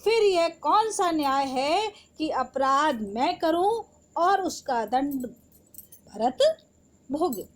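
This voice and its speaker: A woman's voice: sits high, animated, slow. A woman teaching Hindi poetry in an online class, explaining the verse line by line and asking her students rhetorical questions.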